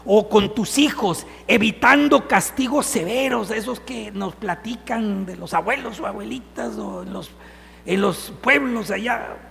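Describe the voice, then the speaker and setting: A man preaches a Sunday homily in a voice pitched very high, with a gravelly edge. He speaks slowly and earnestly, putting questions straight to the congregation. A long church reverb trails after each phrase. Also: a bit bright. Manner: earnest, asks the listeners direct questions. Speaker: priest.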